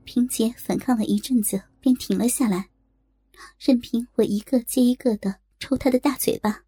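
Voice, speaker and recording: A woman reading a first-person story aloud in a steady, matter-of-fact way. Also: a little high, moderate pace, slightly rough, no echo. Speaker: audiobook narrator.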